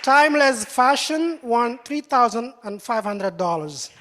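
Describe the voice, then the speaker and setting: A woman's voice: fairly high pitch, a little slow. Woman reading off winners one by one, light crowd murmur, big echoey hall. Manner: steady list reading. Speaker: awards presenter. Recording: hall reverb with crowd noise.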